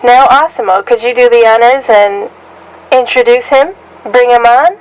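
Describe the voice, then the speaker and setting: A woman's voice: on the high side, normal speed, low-quality recording. A woman hosting a casual paranormal podcast, presenting in a playful, showy way. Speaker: podcast host.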